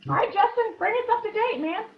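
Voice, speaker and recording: A woman's voice: very high-pitched, expressive, brisk, creaky, echoey room, highs cut off. A woman hosting a casual video call chat with local investors, chatty and upbeat. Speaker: host.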